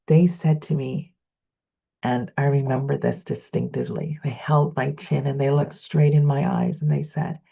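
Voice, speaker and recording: Low husky woman, earnest and measured. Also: dark tone. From Trinidad. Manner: earnest, measured, with slowed emphatic phrases. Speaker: educator. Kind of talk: reflective personal storytelling lesson. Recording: slightly dull lo-fi recording.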